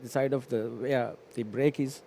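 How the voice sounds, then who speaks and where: A mellow, mid-pitched man explains things casually. He circles back and rephrases in a halting way, with faint ambient noise on the live broadcast. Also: steady tone, vocal fry. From Maldives. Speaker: local guest in the commentary booth.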